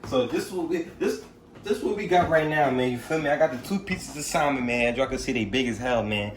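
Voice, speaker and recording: Here the young man's medium-pitched voice is brisk with lively intonation, recorded far from the mic in a roomy space with slight background noise. He's a vlogger making a meal for his family in his home kitchen. The chat is a laid-back, slangy cooking vlog, peppered with "you feel me?"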